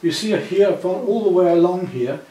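A patient man in his sixties demonstrates painting to a student at home, reassuring them through each step in an expressive, high-pitched, mellow voice at normal speed. With the camera a few feet away in the living room, the sound comes across roomy and distant, with background noise.

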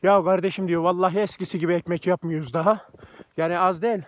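A man with a notably high voice talks casually to the camera while he walks outdoors through snowy countryside. He chats freely and keeps coaxing and praising his dogs along the way. The sound comes from a camera or phone he carries as he walks. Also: steady tone, fast. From Turkey. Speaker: village farmer vlogger. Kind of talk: casual walking vlog.

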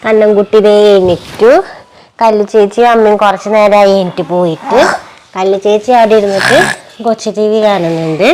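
A woman with a cold and a hoarse voice, chatting casually in a home vlog as a mother, cooing in sing-song baby talk to her little one. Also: mid-range voice, fairly even intonation, normal speed, darkish tone, slight background noise. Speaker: family vlogger and mother. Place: at home, indoors.

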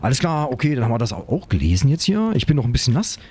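A man commenting on his own survival game play, excitable, talking to himself and his viewers. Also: mid-range voice, rapid-fire, breathy edge. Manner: excitable, talks to himself and viewers, frequent exclamations. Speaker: gaming YouTuber.

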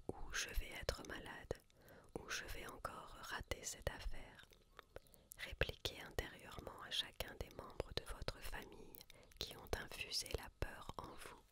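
Whispering without voice, as one would in a library, a female reader works through a book slowly, with careful, deliberate phrasing.

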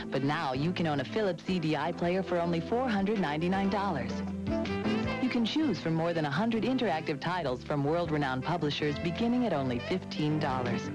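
A female announcer delivers a scripted hard-sell TV ad. The voice is a little low, polished and persuasive, with loud music running behind it. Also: low-quality recording. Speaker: commercial announcer.

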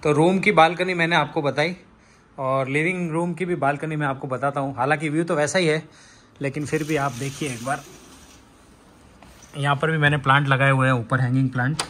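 His voice sits a little high and sounds a bit bright, holding a steady tone at a fairly quick pace. The speaker, a Rajasthan-raised Indian vlogger in his thirties, gives a chatty, casual house tour of his apartment indoors, taking viewers room by room with a handheld phone.

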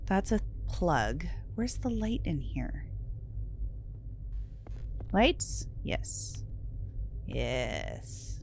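Young woman, horror game commentary, nervous, swears, slow-spoken, faint background hiss. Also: deep voice, very animated, gravelly, darkish tone. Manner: jittery, swears, mutters and whispers when scared. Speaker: streamer playing a horror game. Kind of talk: let's play commentary.

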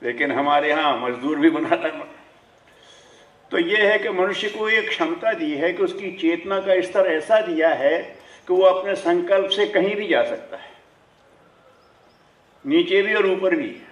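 A man giving a lively spiritual discourse, asking rhetorical questions and chuckling as he makes his points, speaking through a microphone and loudspeaker to an audience. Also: high-pitched, measured pace, pauses often. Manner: chuckles while making points. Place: ceremony hall with audience. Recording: echoey hall, heard from a distance.

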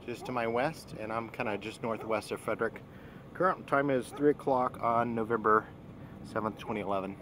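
A man with a gravelly voice giving live on-scene storm chaser commentary outdoors, in terse, repeated observational phrases. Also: mid-range voice, normal speed. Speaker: storm chaser narrating footage. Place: outdoors on open prairie. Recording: loud wind and roar over outdoor camcorder audio.

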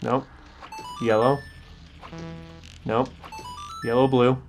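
A man's voice: medium pitch, level tone, drawn-out words, soft background music, poor audio. A man sitting in on a let's play, chatting and reacting casually to the game. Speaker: co-player. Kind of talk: casual chat while watching gameplay.

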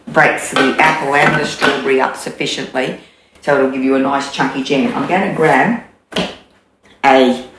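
A woman in her sixties with an Australian accent, casually demonstrating a recipe in her home kitchen with lots of ums. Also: low-pitched. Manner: chatty, unhurried, many ums and restarts. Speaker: cooking demonstrator. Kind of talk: casual cooking demo. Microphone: camera in front, mid distance. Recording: echoey kitchen, faint background noise.

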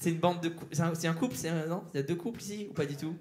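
A male stand-up comedian doing crowd work on stage, teasing audience members with quick banter. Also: on the high side. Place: theater stage before a live audience. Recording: live show with loud audience laughter and noise.

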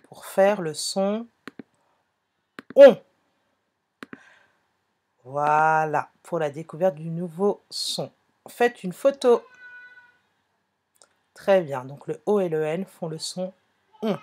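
A woman gives a phonics lesson to young children at an unhurried pace. Her voice is slightly husky, and she talks patiently, repeating key sounds and correcting her own small slips. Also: on the low side, darkish tone. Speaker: teacher.

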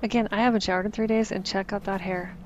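A woman's voice: medium pitch, steady tone, quick pace, highs cut off, slight background noise. Chatty, self-mocking woman vlogger. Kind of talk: casual voice-over narration.

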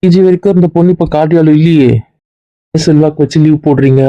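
A stern college dean scolds at a rapid clip, as a man acts him out, his voice a little high for a man. The sound is dry and a touch muffled, with no room around it. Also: steady tone, no echo, close to an everyday voice. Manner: lecturing, reproachful. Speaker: actor. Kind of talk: web series drama acting.

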